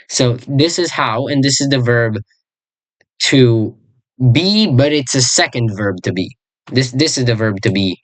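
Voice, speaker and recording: A person at medium pitch gives a casual, meandering lesson on a fictional language, pausing to find words, correcting slips, and slowly saying words again. There's no echo in the audio.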